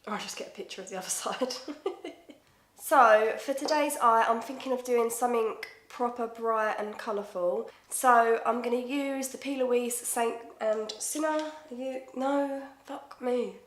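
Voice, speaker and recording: A woman's voice: fairly high pitch, unhurried. A woman in her twenties with an Essex accent, chatting casually and swearing freely through a makeup tutorial. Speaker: makeup vlogger. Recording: echoey room.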